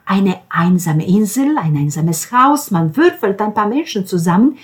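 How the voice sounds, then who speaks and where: Woman doing an overexcited middle-aged producer dad, loud, higher pitched, gushing; audiobook figure. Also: animated, unhurried, close to an everyday voice. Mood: boastful. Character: excited middle-aged male TV producer, doting father.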